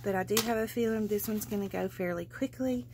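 A bit hissy, hum-tinged audio captures a woman's mid-range, slightly mellow voice as she briskly pages through her handmade journal. She's a craft seller, gushing and chatty with frequent fillers, off-screen at an indoor craft table under an overhead camera.

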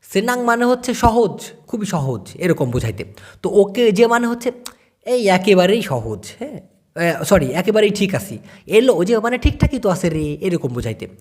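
Lively high-voiced male language teacher. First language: Bengali. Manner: explains words slowly, repeats them, asks listeners if they understood. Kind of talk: casual spoken lesson.

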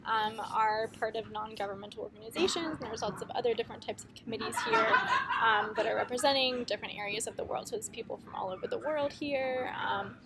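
A woman's voice: fairly high pitch, animated, fast. A young woman in her twenties, a student chatting with many ums as she explains things on a camera held at arm's length inside a big conference hall. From United States. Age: 20s. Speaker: student reporter. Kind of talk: casual video update to classrooms. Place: indoors at a large conference hall. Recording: noisy conference hall background.

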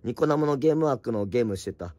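A middle-aged man with a slightly hoarse voice, chatting casually on a late-night livestream from home, reading viewer comments and answering them bluntly with teasing, rough asides. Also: medium pitch, expressive, fast, darkish tone, dry recording. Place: at home, wrapped in an electric blanket.

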